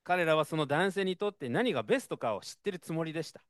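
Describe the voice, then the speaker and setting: A man preaching a sermon in a conversational, expressive way, with frequent fillers. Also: on the high side, fast, no echo, clean studio sound.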